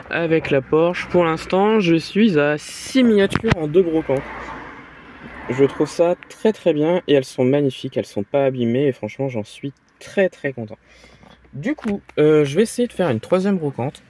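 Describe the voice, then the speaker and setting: A man vlogging about his flea market finds in a halting, casual way, full of fillers and repeated words. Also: fairly high pitch, a little mellow, slight background noise. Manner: halting, filler-heavy, repeats "très, très" and "voilà". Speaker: vlogger showing model car finds. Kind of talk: casual vlog commentary. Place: flea markets and indoors at home.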